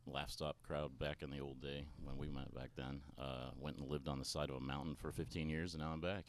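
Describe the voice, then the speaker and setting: Very deep-voiced laid-back man. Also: little pitch movement, brisk, a little hiss or hum. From United States. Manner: laid-back, short replies, chuckles. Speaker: comedian guest. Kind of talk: casual comedy podcast chat. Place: podcast studio, indoors. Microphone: stand mic with headphones.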